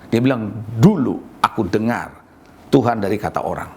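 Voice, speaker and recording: Animated, gravelly-voiced man preaching a sermon. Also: lowish voice, normal speed. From Indonesia. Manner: lively preaching with audience call-outs and acted quotes. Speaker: pastor.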